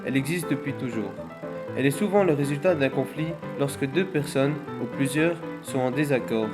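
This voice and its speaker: A man's voice: mid-range voice, brisk. A man giving didactic scripted narration that defines terms. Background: plucked guitar music.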